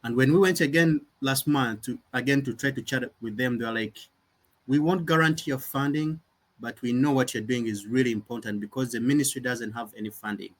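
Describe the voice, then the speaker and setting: In a conversational interview, a young nonprofit founder from Uganda talks at a brisk pace in a medium-pitched voice. He's earnest and thoughtful, often breaking off and restarting sentences.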